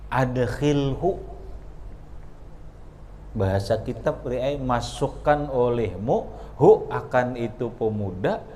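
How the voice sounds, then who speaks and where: A man's voice: mid-range voice, expressive, takes it slowly, long pauses, dark tone, a little hiss or hum. A man with a Banjar accent teaching a religious book class at an Islamic boarding school. He reads Arabic phrase by phrase, explains each in local dialect, and stops often to quiz his students. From South Kalimantan, Indonesia. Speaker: kiai teaching a kitab class. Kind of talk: traditional religious book lesson.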